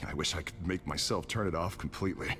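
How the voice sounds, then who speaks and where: An actor playing Harvey Dent, a wry, bitter young politician in a hospital bed, in a video game. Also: male voice, sits low, quick pace, fairly bright tone, soft background music. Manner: sardonic.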